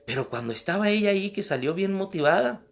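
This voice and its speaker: A man giving a Bible class sermon, his voice sitting fairly high. He preaches emphatically and repeats key phrases to drive them home. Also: animated, fast talker, creaky.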